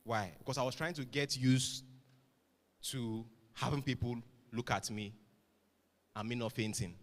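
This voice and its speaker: A man's voice: mid-range voice, steady tone, unhurried, in a large hall. A middle-aged man giving an emphatic motivational address to students, full of rhetorical questions. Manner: emphatic, rhetorical questions, swings loud and soft. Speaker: motivational speaker.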